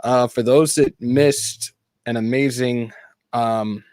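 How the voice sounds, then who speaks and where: Podcast co-host, man, mid pitch, animated ranting, close dry mic. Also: takes it slowly, no echo. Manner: animated, ranting, laughs easily. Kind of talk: casual sports chat.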